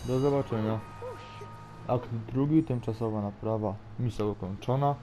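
A man's voice: medium pitch, fairly quick, dark tone, slight background noise. A man giving casual let's play commentary in short, informal remarks as he plays. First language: Polish. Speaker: gaming commentator. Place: close mic, game music behind.

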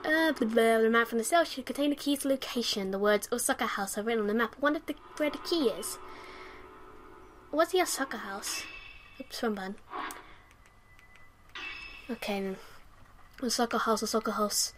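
A woman's voice: fairly high pitch, expressive, moderate pace, pauses often. Jittery swearing young woman gamer. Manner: jumpy, swears a lot, panics and repeats herself. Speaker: let's play host. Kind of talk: casual gameplay commentary. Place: her room at home. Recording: noisy home recording with buzz.

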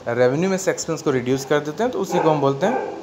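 A man's voice: on the high side, lively intonation, fast talker. A man with an Indian accent teaching an accountancy lesson, explaining step by step and asking and answering his own questions. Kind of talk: classroom lecture mixing Hindi and English. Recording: faint background noise.

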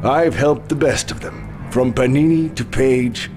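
An actor playing a smug, sardonic devil in a video game, with a British accent and a teasing, theatrical drawl. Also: male voice, medium pitch, animated, measured pace, close to an everyday voice. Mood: smug, playful. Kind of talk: video game character acting. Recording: game audio with music behind.

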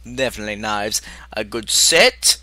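Woman playing a manic male clown villain, giggling, crude, slow drawl, sharp bright tone. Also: a bass voice, expressive, no room sound, exaggerated voice. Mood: gleeful, unhinged. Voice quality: cackling, crude, theatrical. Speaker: video reactor in character. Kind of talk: in-character reaction commentary.

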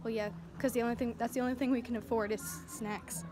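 A high-voiced teenage girl chats straight into her phone camera, quick to giggle. The phone picks up plenty of road and room noise behind her. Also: steady tone. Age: teens. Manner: giggly, chatty, talks to the camera. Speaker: vlogger. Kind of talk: casual vlog chat. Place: bedroom, then car and store. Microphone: phone camera at arm's length. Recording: phone video with loud car noise.

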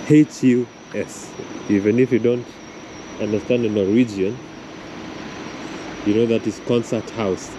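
Walking from a rainy harbor into a concert hall, a young man records his travel vlog with the camera held near his chest. His mid-range voice is slow, reflective and chatty, and he admits to having trouble with R and L sounds, with street noise audible in the background.

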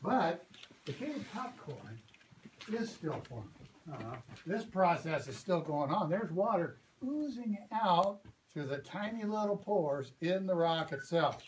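A man's voice: high voice, very animated, unhurried. Male park ranger guiding a cave tour. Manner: patient, explanatory, checks in with "okay?". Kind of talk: guided cave tour talk. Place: visitor center lobby, then inside a cave. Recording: echoey cave with loud ambient noise.

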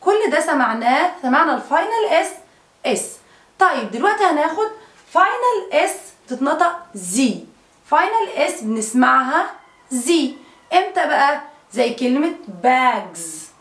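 A woman's voice: sits high, big pitch swings, normal speed, fairly bright tone. A woman with an Egyptian Arabic accent teaching children a phonics lesson, repeating each word and asking the children questions. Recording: echoey room.

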